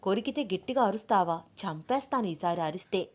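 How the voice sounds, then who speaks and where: A shy, flustered young bride from a storybook romance who scolds her new husband in a hushed, quick way, as a woman narrator puts her on. The voice sits at a middle pitch. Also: expressive, natural voice. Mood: scolding.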